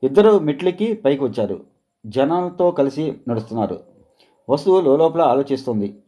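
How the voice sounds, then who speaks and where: A man narrating a scripted story in a calm, even storytelling read. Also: on the high side.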